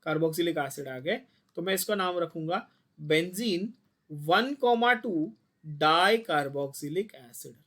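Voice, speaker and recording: Man, high voice, chemistry teacher, online class, blunt, quizzing. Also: slow, fairly bright tone. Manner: mixes Hindi and English, quizzes students constantly, blunt and scolding.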